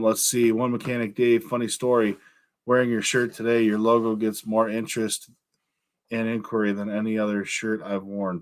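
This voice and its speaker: A man hosting a casual live stream who is losing his voice. He reads viewer comments aloud and pauses often with ums. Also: fairly low pitch.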